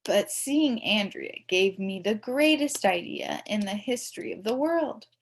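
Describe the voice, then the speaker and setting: Playing a mischievous child as narrator, a woman reads a scripted children's story aloud with theatrical emphasis. Her mid-range voice is expressive and a little slow.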